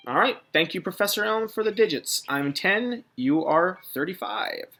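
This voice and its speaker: A woman's voice: fairly low pitch, lively intonation, normal speed, fairly bright tone. A young woman hosting a let's play, chatting playfully through a video game. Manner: chatty, playful, self-mocking. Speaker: gaming channel host.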